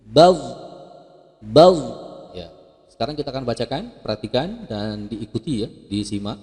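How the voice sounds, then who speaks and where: A man's voice: mid-range voice, expressive, a little fast, a little mellow, long reverb tail. A man teaching Quran recitation, explaining patiently and leading melodic chanted syllable drills.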